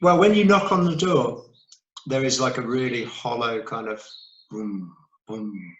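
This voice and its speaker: A man narrating as game master, calmly describing scenes. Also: mid-range voice, measured pace, reverberant, dull audio.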